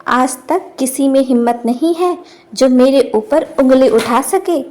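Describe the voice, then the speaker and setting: A woman's voice: high voice, unhurried, a little mellow. A woman voicing a stubborn, quarrelsome old village wife who scolds defiantly.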